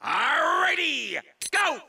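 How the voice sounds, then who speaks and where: A man's voice: very animated, drawn-out words, vocal fry, very noisy, heavily acted. An actor voicing a boisterous male pirate captain for a cartoon, talking in showy pirate speech like an announcer. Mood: hearty. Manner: booming pirate talk, theatrical announcer. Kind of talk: cartoon voice acting.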